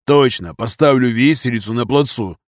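A man voicing a gruff male army colonel who talks in a dry, ironic, grumbling way. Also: mid-range voice, moderate pace, dry recording, natural voice.

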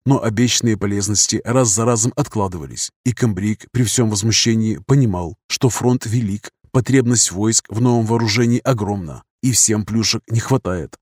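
A man reading a military novel aloud as scripted narration, in an even, steady manner. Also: fairly low pitch, normal speed, hardly any pauses, breathy edge, no room sound, studio quality. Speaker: audiobook reader.

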